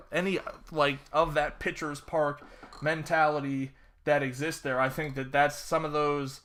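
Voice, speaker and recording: A young man talks through his daily fantasy baseball picks in a loose, rambling way, full of fillers and dry sarcastic asides. His voice is bright and forward, sitting a little higher than most men's. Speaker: fantasy sports analyst. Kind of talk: casual solo sports-betting breakdown.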